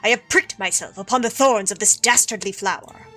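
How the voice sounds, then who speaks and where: A woman's voice: mid-range voice, fairly quick, pushed and bright, soft background music. A woman voicing a courteous young male Spanish prince with a put-on Spanish accent, reading game dialogue aloud in a formal, flowery way. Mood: storytelling.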